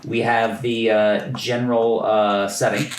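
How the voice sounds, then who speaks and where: A man running a tabletop game as game master, explaining the rules at a table with many pauses and fillers. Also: lowish voice, flat delivery, recorded from a distance. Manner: halting, filler-heavy explaining. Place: room around a gaming table. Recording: echoey room with faint noise.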